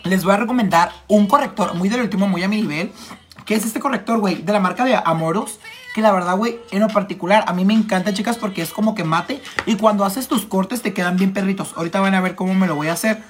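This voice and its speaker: On a makeup livestream, a Mexican-accented man reads comments and chats casually, affectionate and full of slang with his viewers. High-pitched and fast-talking, he clears his throat as a cold sets in.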